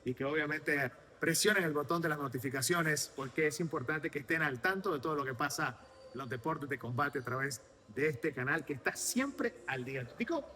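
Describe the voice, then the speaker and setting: A man hosting a sports interview, lively and promotional, asking long questions. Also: on the high side, slight background noise. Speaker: interviewer host.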